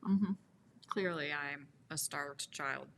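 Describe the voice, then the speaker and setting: Deep-voiced woman nurse on a podcast, blunt and jokey, faint noise in the back. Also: slow, gravelly, fairly bright tone. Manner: blunt, joking, asks the questions. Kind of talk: casual chat.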